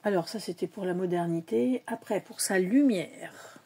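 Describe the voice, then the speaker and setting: A woman's voice: medium pitch, moderate pace, mellow, a little hiss or hum. A woman in a casual vlog, showing her tarot decks in a chatty, hesitant way with many fillers, sometimes dropping to a whisper. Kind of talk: casual show-and-tell vlog.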